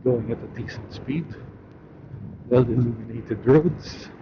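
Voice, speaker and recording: Male motovlogger, mid-pitched, casual rambling from inside a helmet, dull muffled sound under loud road and engine noise. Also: a little slow. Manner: musing aloud, offhand, with swearing. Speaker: motorcycle vlogger. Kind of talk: rambling casual commentary while riding. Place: inside a helmet, riding a motorcycle outdoors at night.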